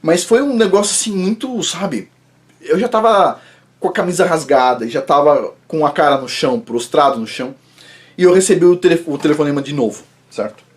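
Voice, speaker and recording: A man with a Brazilian accent giving a personal religious testimony in an animated way, often checking in with the listener. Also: on the high side, fairly quick. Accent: Brazilian Portuguese. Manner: animated, often adds checking tags like "right?". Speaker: channel host telling a personal story.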